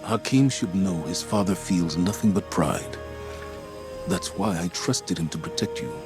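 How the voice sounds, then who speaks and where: A man playing a weary, remorseful veteran commander in a video game, solemn and measured, with halting, dignified delivery. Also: low voice, animated. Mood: weary, accepting. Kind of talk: dramatic video game acting. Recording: cinematic music behind. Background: music.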